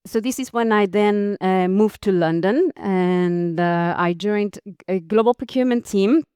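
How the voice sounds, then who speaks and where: Appearing as a podcast guest, a Costa Rican woman recounts her career in an interview conversation. Her mid-range voice is smooth, resonant and mellow, her pace unhurried, and she laughs lightly and often amid many fillers and restarts. The recording is dry with no room sound at all.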